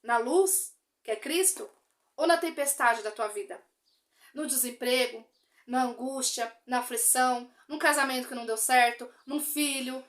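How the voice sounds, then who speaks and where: Brazilian woman, earnest faith testimony, high voice, repeats herself for emphasis. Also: normal speed, a bit bright. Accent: Brazilian Portuguese. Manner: earnest, addresses listeners directly, repeats phrases for emphasis. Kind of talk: emotional religious testimony.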